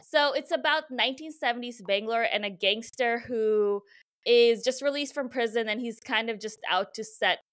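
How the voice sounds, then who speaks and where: A young woman raised overseas co-hosts a casual podcast, laughing easily and jumping in with quick reactions. Her voice sits high with a sharp, bright edge. She chats loosely and playfully. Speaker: podcast co-host. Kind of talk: casual chat.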